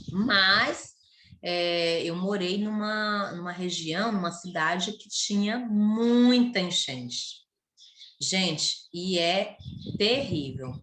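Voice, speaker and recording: A woman's voice: mid-range voice, sharp tone, slight background noise. A woman teaching an online primary school class, chatty and playful, tagging her sentences with "né?" and repeating words for emphasis. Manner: playful, self-mocking asides. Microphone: computer or phone mic for an online class. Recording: echoey room.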